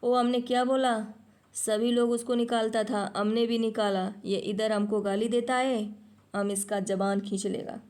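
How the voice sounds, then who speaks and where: A woman voicing a gruff male Pathan traveller who talks in blunt, broken sentences. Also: a little high, fairly even intonation, a little slow, darkish tone, close to an everyday voice. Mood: angry.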